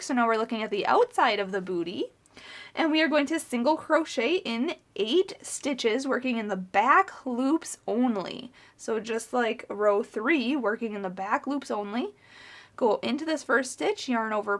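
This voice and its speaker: Young adult woman, crochet teacher, calm methodical counting, slightly high voice. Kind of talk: step-by-step tutorial instruction.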